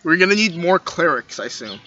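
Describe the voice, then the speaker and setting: Brief: male tabletop player, high forceful voice, excitable and exasperated, casual chat, muffled lo-fi recording. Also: brisk, a little hiss or hum. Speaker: player in a tabletop role-playing game. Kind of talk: casual game chat, partly in character. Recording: dull lo-fi group session audio.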